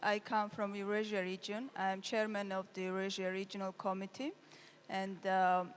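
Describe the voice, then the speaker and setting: A woman's voice: medium pitch, monotone, normal speed, a little hiss or hum. A woman, a regional committee chair, briefly introducing herself on a conference panel. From Georgia. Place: large conference hall. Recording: echoey conference hall.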